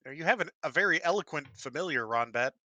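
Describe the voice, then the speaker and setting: A man at a tabletop game talks with wry, easy humor. His voice is sharply bright and edgy, recorded dry and close. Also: a little high, expressive, fast, no echo, highs cut off. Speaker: player. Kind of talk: casual tabletop play.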